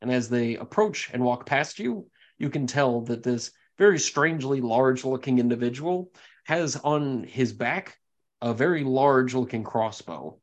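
A young man narrating a tabletop game as game master, with rambling, descriptive storytelling. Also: medium pitch. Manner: descriptive, meandering narration with fillers.

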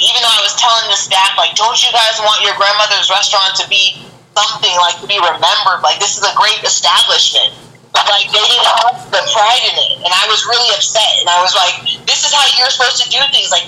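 A man with a high, sharply bright voice gives earnest advice in relaxed podcast chat. He tells his own story and quotes himself along the way. Faint noise runs under the recording. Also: low-quality recording. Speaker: podcast co-host.

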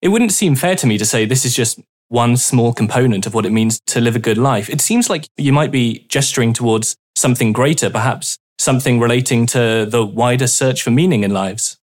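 A man with a mid-range voice interviews a guest. He builds his questions slowly and thoughtfully. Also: mid-range voice. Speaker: podcast interviewer.

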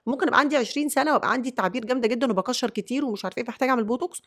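Egyptian woman dermatologist, very fast, slightly high, emphatic explainer. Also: a bit bright. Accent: Egyptian Arabic. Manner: emphatic, explains with rhetorical questions. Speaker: dermatologist guest. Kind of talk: casual podcast chat.

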